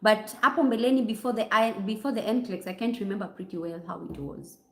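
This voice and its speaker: A woman's voice: medium pitch, quick pace. A Kenyan woman, a nurse, chatting on a livestream and answering viewer comments, slipping in Swahili phrases. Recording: roomy echo.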